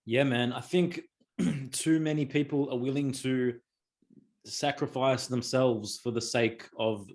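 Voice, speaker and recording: A man hosting a podcast, asking questions in a relaxed, loose way. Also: medium pitch, a little slow. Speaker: podcast host. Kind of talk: casual interview questions.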